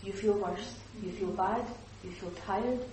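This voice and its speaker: Female workshop trainer, animated, acts out examples; distant, echoey room recording. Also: mid-range voice, unhurried, a little hiss or hum. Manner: lively, acts out example speakers. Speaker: teacher trainer.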